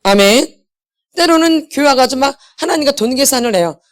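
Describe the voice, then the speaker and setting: Leading a healing meeting, a middle-aged pastor's wife preaches in a high, animated, brisk voice. She repeatedly puts questions to the congregation and answers each one on her own.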